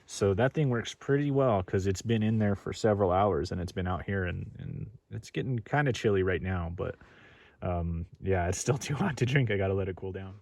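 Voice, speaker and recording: A man's voice: deep voice, moderate pace, creaky, a little mellow, no echo. A man chatting casually to the camera as a camping vlogger, informally talking through what he is doing outdoors. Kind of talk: casual chat to camera while cooking and camping. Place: outdoors at a campsite. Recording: noisy outdoor ambience.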